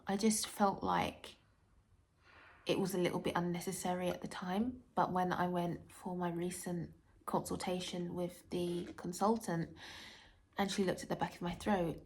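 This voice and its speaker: A woman recovering from tonsil surgery with a dry, sore throat, talking casually and haltingly in a personal health vlog. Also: lowish voice. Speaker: vlogger.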